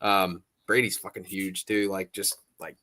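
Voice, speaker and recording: A man's voice: deep voice, flat delivery, measured pace, pushed and bright. A man co-hosting a casual podcast chat, talking bluntly and emphatically with frequent swearing. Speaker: podcast co-host.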